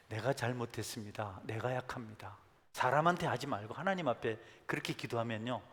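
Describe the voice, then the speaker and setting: A male pastor preaching a sermon. He swings from soft asides to emphatic calls. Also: mid-range voice. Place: church sanctuary. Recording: long church hall reverb.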